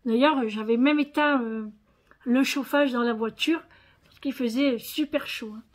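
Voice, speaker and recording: Tired northern french woman vlogging, slightly high voice, rambling chatty with lots of fillers. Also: a little slow. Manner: chatty, many fillers and tags. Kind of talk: casual chat.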